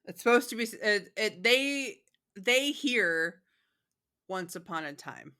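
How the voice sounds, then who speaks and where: A woman from Michigan hosting a podcast in casual chat, talkative and quick to laugh, with plenty of fillers. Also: mid-range voice, lively intonation, sharp tone, clean tone. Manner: chatty, laughs often, many fillers. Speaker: podcast host.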